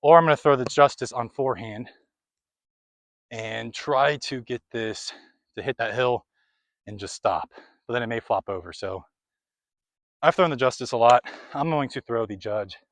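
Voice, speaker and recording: A man's voice: medium pitch, normal speed, long pauses, dry recording. A young man talking through a disc golf round outdoors, chatty and a little out of breath. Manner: chatty, running commentary between throws. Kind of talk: casual play-by-play commentary.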